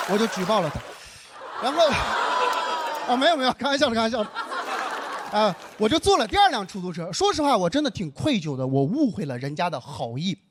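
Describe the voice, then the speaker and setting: A man's voice: high-pitched, unhurried, long pauses. A young man from northern China doing a stand-up comedy set, telling a story and acting out the dialogue himself. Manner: storytelling, animated, acts out dialogue.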